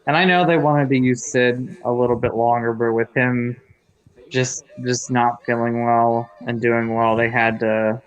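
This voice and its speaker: This man in his thirties co-hosts a movie commentary channel, chatting casually and live with viewers in a friendly way and laughing often. His voice is medium-pitched, steady and clean in tone, and unhurried, though the recording quality is low.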